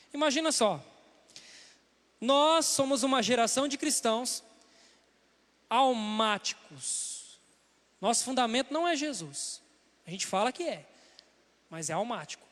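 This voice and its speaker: High-voiced Brazilian preacher in a reverberant church. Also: male voice, a bit bright. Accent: Brazilian Portuguese. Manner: conversational preaching, acting out quoted voices. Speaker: pastor. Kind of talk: sermon. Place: church sanctuary. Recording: long hall reverb.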